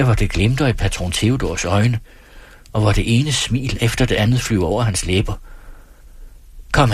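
A man reading a novel aloud in a measured storytelling manner. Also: on the low side, husky, no echo. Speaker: reader.

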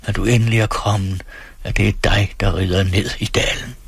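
A man's voice: fairly low pitch, fairly even intonation, creaky, slightly rough, exaggerated voice. A man voicing a gloomy old peasant woman seer in a read-aloud story, speaking in a solemn, prophetic way. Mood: rejoicing.

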